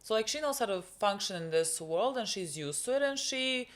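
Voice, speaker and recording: Her mid-range voice moves with lively intonation at a moderate pace as she co-hosts a TV reaction video. A young woman whose first language is Serbian, she keeps the chat casual, filling it with fillers and restarts.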